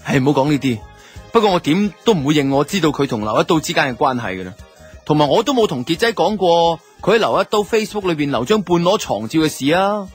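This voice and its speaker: A man with a Hong Kong Cantonese accent is lead actor and narrator of a radio drama, playing a two-timing boyfriend who tells the story in colloquial first person, guilty and self-justifying. The mood is confessional; his voice is on the high side, sing-song, slightly rough and quick, with faint music behind.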